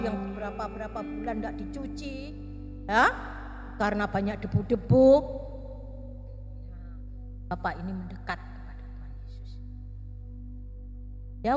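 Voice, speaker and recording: A woman teacher telling a Bible story to children in an animated way, often asking them questions. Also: fairly high pitch. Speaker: Sunday school teacher. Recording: reverberant room with faint music.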